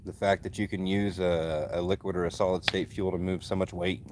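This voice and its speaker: Streamer type: man, fairly low, flat monotone delivery, laid-back chat into a phone mic outside by a fire. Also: brisk, slight background noise. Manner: easygoing, answers chat comments with many fillers. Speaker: livestream host. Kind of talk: casual live-stream chat. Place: outdoors by a backyard fire. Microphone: phone, streaming from mobile.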